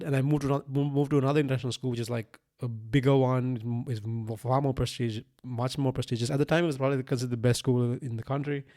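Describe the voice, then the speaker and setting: With a warm, mid-range voice, a Sri Lankan podcast host in his thirties, a native Sinhalese speaker, rambles through an unscripted solo monologue. He keeps looping back over phrases and restarting, with plenty of "like" and "right?".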